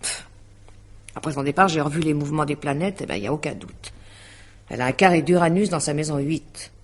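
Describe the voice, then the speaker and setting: In the style of a 1950s French radio drama, an actress plays a weary, alarmed astrologer who is also a bitter divorcée, hesitating and sighing throughout. Her voice is low and a little fast, and the mood is grave.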